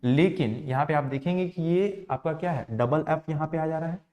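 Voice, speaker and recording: A man teaching an English lesson, explaining slowly, repeating words for emphasis and answering his own questions. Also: fairly high pitch, highs cut off. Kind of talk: classroom lesson.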